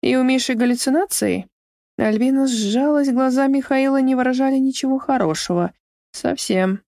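A woman narrates a novel aloud in an expressive storytelling manner. Her voice sits fairly high. The recording is dry and close, with no room around it. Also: normal speed, no echo. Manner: expressive, shifting into shrill character voices. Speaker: audiobook narrator. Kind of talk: scripted narration.

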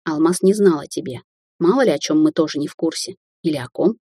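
A woman reading voices an exhausted, irritable young male mage with a hoarse, curt manner in an audiobook. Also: deep voice, quick pace, warm tone, no echo, studio quality.

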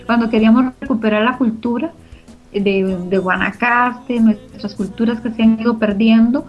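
This middle-aged woman, a co-founder of a community radio group, has a Costa Rican Spanish accent and a voice on the high side, steady in tone and moderate in pace. She answers the interviewer's questions emphatically and earnestly, repeating phrases for emphasis, on muffled lo-fi audio with music underneath.

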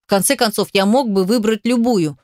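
A woman's voice: medium pitch, brisk, darkish tone, dry recording. Woman reading an audiobook, dry close sound. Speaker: audiobook narrator. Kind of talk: scripted first-person narration.

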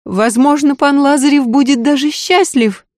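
A woman's voice: high voice, moderate pace, darkish tone, no room sound, studio quality, voice pushed up, lightly acted. A woman voicing a timid, frightened young housemaid, pleading.

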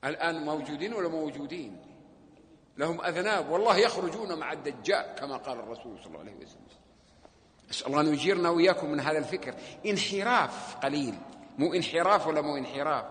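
Emphatic sheikh in echoey mosque. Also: male voice, a little high, lively intonation, rapid-fire, a little hiss or hum. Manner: emphatic, rhetorical, swings from loud to hushed. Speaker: sheikh teaching hadith. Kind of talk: mosque lesson with questions to the audience. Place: mosque hall.

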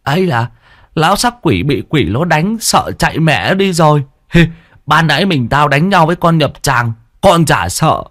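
A man's voice: on the high side, expressive, normal speed, a bit bright, pitched above the performer's own voice. A man voicing a chatty, stammering young male sidekick who whines a lot in a spoken ghost story. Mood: cheeky.

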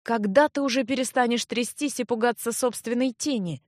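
A woman voicing a stern, gruff bearded man in an audiobook who barks curt orders. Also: a little high, fairly quick, no room sound, studio quality, natural voice.

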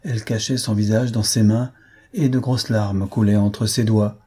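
Male narrator for a literary audiobook, low-pitched and husky, measured. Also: steady tone, warm tone. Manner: measured, phrase by phrase.

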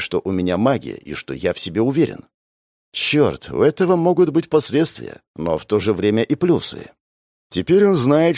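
A man narrating a first-person audiobook in an expressive, wry manner, voicing all the characters. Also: lowish voice, gravelly, dry recording, clean studio sound.

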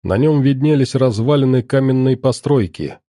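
A man giving steady scripted audiobook narration of an action story. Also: mid-range voice, moderate pace, no room sound, clean studio sound.

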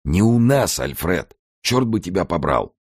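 A man voicing a gruff, blunt older male artist in an audiobook. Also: low voice, sing-song, measured pace, darkish tone, no room sound, studio quality, voice pushed up, full character voice. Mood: stern. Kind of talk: audiobook character voice.

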